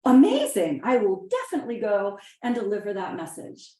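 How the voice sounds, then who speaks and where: Lady doing a naive cheery adventurer guy, all wow and amazing, warm tone. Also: medium pitch, a little fast, recorded from a distance, lightly acted. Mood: upbeat. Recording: roomy echo.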